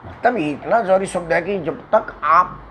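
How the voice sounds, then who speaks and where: A man's voice: high-pitched, normal speed, bright, forceful tone, a little hiss or hum, low-quality recording. A man from Uttar Pradesh giving an emphatic political monologue, repeating phrases and swinging his intonation to make points. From Uttar Pradesh, India. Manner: emphatic, repetitive, demonstrates intonation with dramatic shifts. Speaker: political commentator. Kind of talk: monologue to camera.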